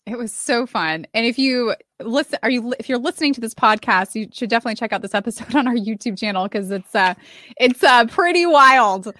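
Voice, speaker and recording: Excitable high-voiced woman co-host. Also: fast, hardly any pauses, no room sound, clean studio sound. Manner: excitable, gushing. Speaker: podcast co-host. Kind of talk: casual chat.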